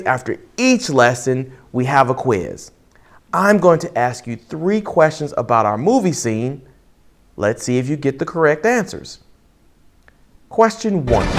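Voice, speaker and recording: A man teaching an English lesson in a playful, deliberate way, quizzing the listener. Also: mid-range voice. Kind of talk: lesson voice-over over movie clips.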